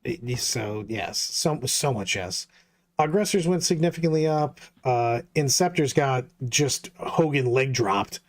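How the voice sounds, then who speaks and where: A man co-hosting a casual tabletop wargame chat, animated and quick to laugh and exclaim. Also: mid-range voice. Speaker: co-host of a tabletop wargame talk show.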